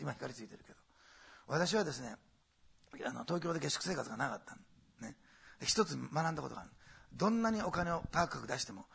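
Male pastor, middle-aged, sermon, bright tense tone, husky raspy voice, loud emphatic swells and quiet asides. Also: fairly high pitch.

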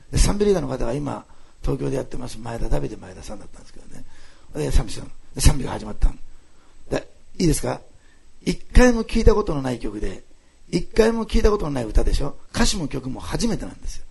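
Gravelly husky guy preaching, lively storytelling sermon in church. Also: fairly high pitch. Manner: animated storytelling with frequent laughs and asides. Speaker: pastor. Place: church hall, streamed online.

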